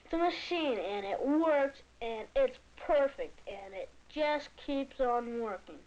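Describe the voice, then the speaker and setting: A woman's voice: high voice, animated, slow pace, darkish tone. A woman playing a proud, stubborn young child inventor in scripted 1970s educational film dialogue. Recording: dull, faintly noisy vintage film soundtrack.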